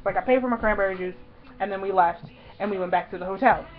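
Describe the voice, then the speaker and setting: A woman vlogger telling a personal story in an excited, gushing way, full of "like" and "y'all". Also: mid-range voice, quick pace. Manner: gushing, breathless, lots of "like" and "y'all". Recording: dull lo-fi recording.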